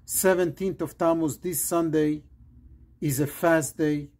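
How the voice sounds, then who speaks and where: A man from Morocco, a rabbi, giving an earnest pre-Shabbat sermon in short, measured phrases. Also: a little high, steady tone, a little mellow.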